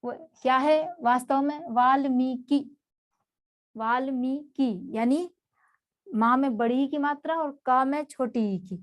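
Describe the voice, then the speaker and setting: A woman teaches a spelling lesson for exam students with a fairly high voice. She works through one word at a time. She says each term again so the class can follow. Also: a little slow. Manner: patient, explains word by word and repeats each term.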